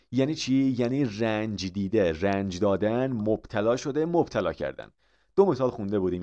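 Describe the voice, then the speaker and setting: A man's voice: fairly low pitch, darkish tone. A man with a Persian accent teaching English vocabulary in a recorded lesson, patiently explaining and answering his own questions.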